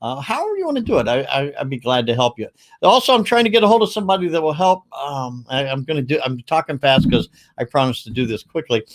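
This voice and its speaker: A man hosting a casual livestream, talking in a rambling, upbeat way with quick asides. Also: mid-range voice, very animated. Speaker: livestream host.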